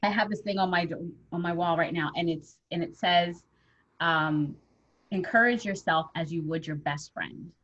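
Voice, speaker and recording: A woman's voice: fairly low pitch, normal speed, fairly bright tone, highs cut off. A woman hosting a casual interview, agreeing often and sharing her own reflections. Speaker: host.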